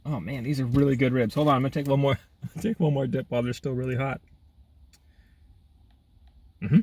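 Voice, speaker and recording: A man's voice: mid-range voice, brisk, a little mellow, breathy edge. A man casually reviewing food for a vlog, chatty and exclaiming as he eats outdoors. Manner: chatty, eating while talking, frequent exclamations. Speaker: food vlogger. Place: outdoors in half sun, half shade.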